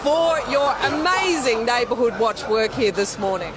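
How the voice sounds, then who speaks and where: High-pitched Australian woman reporter, noisy street broadcast. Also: expressive, moderate pace. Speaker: live TV reporter. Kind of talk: live breakfast news interview. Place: outdoors on a street.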